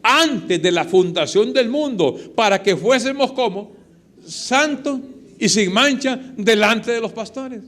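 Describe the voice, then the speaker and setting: A man's voice: extremely high pitch, animated, slow pace, fairly bright tone. A man preaching a sermon, explaining with rhetorical questions and short retold dialogues.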